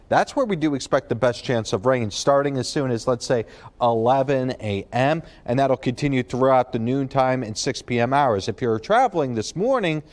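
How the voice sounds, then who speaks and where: A man's voice: medium pitch, darkish tone. A man co-hosting a morning TV newscast, giving the weather and traffic in a loose, chatty way with frequent fillers. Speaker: TV meteorologist and co-anchor. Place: TV news studio.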